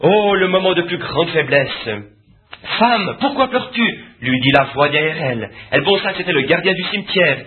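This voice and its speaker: A man's voice: a little high, fairly quick. A man preaching a sermon with impassioned, rising and falling emphasis. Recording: tinny phone-like old sermon recording.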